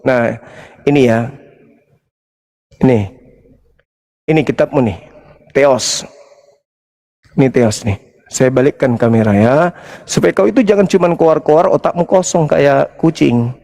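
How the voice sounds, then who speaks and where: A man's voice: medium pitch, measured pace, creaky, pauses often, warm tone, in a large hall. A male Islamic preacher in a heated debate, insistent and mocking, repeating his points again and again.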